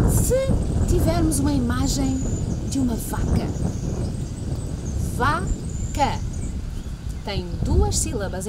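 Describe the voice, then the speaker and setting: European portuguese lady reading a kids' story at the library, high voice that rises and falls a lot, slow teacher way of explaining. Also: noisy background. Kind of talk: children's story reading and lesson.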